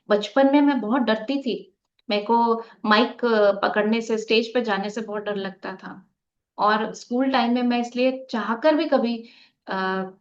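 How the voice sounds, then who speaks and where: Woman meditation teacher, fairly high voice, live online class over muffled video-call audio, rhetorical questions. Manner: asks rhetorical questions and leads a group activity; mixes in English words.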